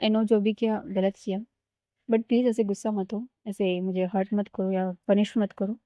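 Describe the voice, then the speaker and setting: A woman's voice: medium pitch, little pitch movement, normal speed, warm tone, no room sound, close to an everyday voice. A woman storyteller voicing an affectionate, pleading young woman who coaxes earnestly in her everyday voice. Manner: earnest, coaxing, mixes English phrases. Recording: slightly dull lo-fi recording.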